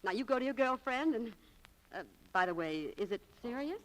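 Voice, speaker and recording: In a vintage 1940s radio drama recording with rough audio quality, an actress plays a candid, romantic young shopgirl, breezy and confiding. Her natural, fairly high-pitched voice is animated and a little fast.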